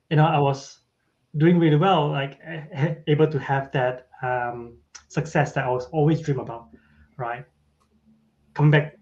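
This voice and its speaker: A man in his forties talks casually as a podcast guest, often ending his points with a quick "right?". His voice sits at an ordinary pitch. The audio is somewhat dull and lo-fi. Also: darkish tone. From Malaysia. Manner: tags sentences with a questioning "right?". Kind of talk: casual interview chat.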